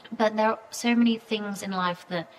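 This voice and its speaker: A woman in her thirties chats as a guest on an interview podcast, at an ordinary middle pitch. She rambles warmly through fillers and restarts. She also slips into little acted-out quotes of what she and others said. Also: fairly even intonation, moderate pace, slight background noise, poor audio. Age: 30s. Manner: chatty, many fillers, acts out quoted reactions. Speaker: PR agency founder, podcast guest. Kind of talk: casual interview conversation.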